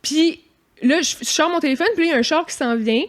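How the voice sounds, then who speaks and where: Québécois woman, podcast co-host, slightly high voice, lively casual storyteller. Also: fast. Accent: Québécois French. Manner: animated, mimics noises and quotes herself.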